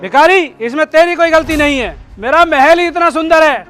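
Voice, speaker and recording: A man's voice: extremely high pitch, expressive, moderate pace, fairly bright tone, faint music behind. A man doing a haughty palace owner. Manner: mocking, haughty.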